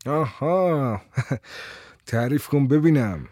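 Guy doing a jolly middle-aged teacher host, excited, voice leaps up, dry close sound. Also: mid-range voice, dry recording, natural voice. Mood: jovial. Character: middle-aged male schoolteacher host, jovial and eager. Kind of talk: audiobook story reading.

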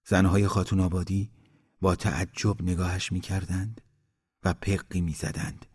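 A man reading a story aloud in a calm, measured way, giving each villager a voice. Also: low-pitched, breathy edge. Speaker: narrator.

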